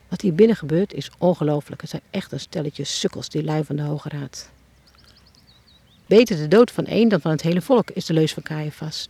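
Gravelly woman narrating a devotional story. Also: fairly low pitch, dark tone, dry recording. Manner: addresses the listener directly with questions, as if standing at the scene. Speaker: children's book author.

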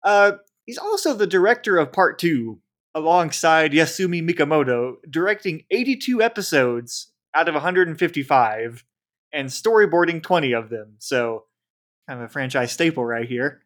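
A man's voice: a little high, lively intonation, normal speed, a bit bright. A man hosting a podcast, chatting casually and reading episode credits with little stumbles and frequent laughs. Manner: laughs often, reads credits with small stumbles. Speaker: podcast host.

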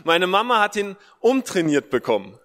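High-pitched and fairly bright, with big swings in pitch, a German preacher of Russian-German background talks at normal speed through a casual livestreamed Mother's Day sermon. He can't roll his R because of a speech impediment and repeats short phrases to drive points home, his voice echoing with long hall reverb.

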